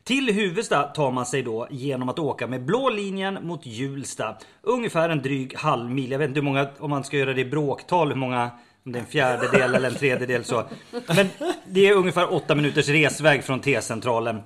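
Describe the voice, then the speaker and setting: A man's voice: mid-range voice, animated, fairly bright tone. A man from co-hosting a podcast, presenting a prepared segment with dry, wry jokes. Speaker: podcast co-host. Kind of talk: casual chat, prepared segment.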